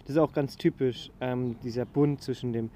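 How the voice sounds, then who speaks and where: A man's voice: medium pitch, fairly even intonation, normal speed, dark tone, slight background noise. A man in a casual study discussion, talking hesitantly with many fillers and restarts. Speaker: student discussing a historical document.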